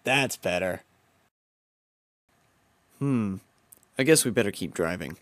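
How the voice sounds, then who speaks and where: A young man narrates his home-made comedy film in the first person, using a playful, mock-dramatic storybook delivery. His voice is deep, animated and a bit bright, he takes it slowly, and there is no room sound.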